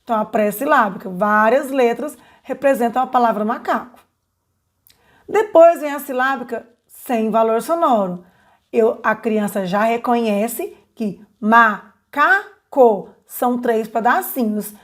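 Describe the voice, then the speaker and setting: A woman teacher giving an online literacy lesson, patient and explanatory, often checking in with her listeners and slowing down to stretch out sounds. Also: on the high side, expressive. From Brazil. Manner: slows down and stretches sounds when modeling syllables.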